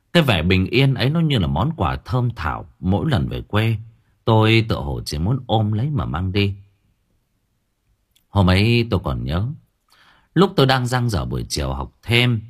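A man narrating a first-person horror story for an audiobook in a measured, expressive way. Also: low voice, slightly rough.

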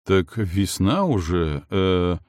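A man's voice: sits low, animated, slow, a little mellow, no echo, clean studio sound. A male audiobook reader voicing a shy, proud young warrior who answers awkwardly and defends himself with boasts. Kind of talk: audiobook character voice.

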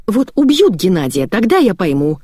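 A woman's voice: medium pitch, very animated, normal speed, mellow, no echo, clean studio sound, voice pushed up. A woman voicing a hysterical, vicious middle-aged woman who shrieks and sobs. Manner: shrieking, sobbing outbursts.

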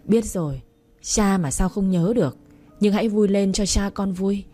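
A woman voicing a blunt, teasing but caring adult man in a storybook reading, with a mellow, husky voice. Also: medium pitch, normal speed, faint music behind, close to an everyday voice. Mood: gentle.

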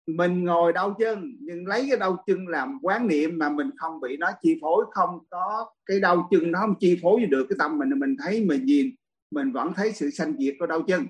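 A man, a Buddhist monk teacher giving a dharma talk Q&A, telling stories lively and laughing often. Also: on the high side, moderate pace, poor audio.

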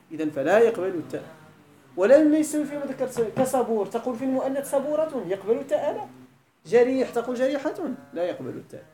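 Man, Moroccan accent, lively quick delivery, grammar lecture, echoey room. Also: sits high. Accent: Moroccan Arabic. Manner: quizzes students with repeated questions. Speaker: teacher of Arabic grammar. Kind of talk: classroom lecture. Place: lesson hall.

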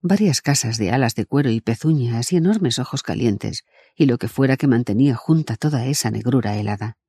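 A man reading an audiobook in an even, measured narrating voice. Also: medium pitch, breathy edge, no room sound, clean studio sound.

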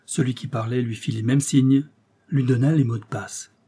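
A man giving steady, measured audiobook narration of a classic novel. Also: medium pitch, slightly rough.

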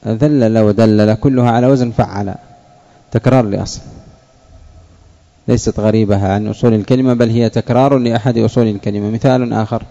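A man teaching a classroom lesson, slow and deliberate, repeating key words and questioning his students. His voice is dark and gravelly. The recording is dull and lo-fi. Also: mid-range voice, steady tone. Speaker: sheikh teaching Arabic morphology.

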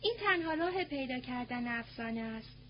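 A woman's voice: sits high, animated. Javid, a woman reading a weary young servant. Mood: insistent. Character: young Zoroastrian man, weary servant, stubborn. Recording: muffled with faint hum.

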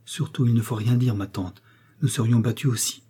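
Chatty little nephew, hushed and fearful, husky voice, read by a man. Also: medium pitch, steady tone, brisk, close to an everyday voice.

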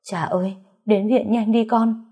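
A woman's voice: on the low side, normal speed, warm tone, husky. A woman reader voicing a frantic middle-aged mother who pleads through tears in a storybook reading. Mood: panicked. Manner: tearful, pleading.

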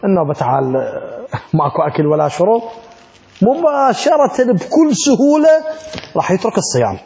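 Man, Iraqi Arabic accent, religious teacher, lesson, slightly high voice, mellow tone, rhetorical questions. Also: big pitch swings, normal speed. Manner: asks the class rhetorical questions and acts out little dialogues. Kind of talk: classroom lesson on Islamic law.

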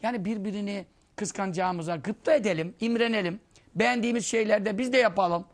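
A man giving a conversational religious lesson, telling anecdotes and acting out the people he quotes. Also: a little fast. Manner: storytelling, acting out quoted voices, lively swings in pitch and loudness. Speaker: Islamic preacher teaching hadith.

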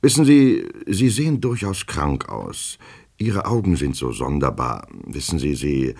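A man's voice: rumbling low, big pitch swings, unhurried, gravelly, slightly rough, full character voice. A man doing a patient, concerned office chief. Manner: gently coaxing, asks questions.

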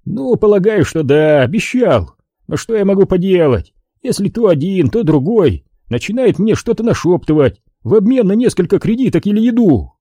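A man's voice: high-pitched, sing-song, normal speed, hardly any pauses, mellow, breathy edge, dry recording, clean studio sound, voice pushed up, heavily acted. A man voicing an easygoing, chatty older café owner, wheedling and jokey, in an audiobook. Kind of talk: audiobook character voice.

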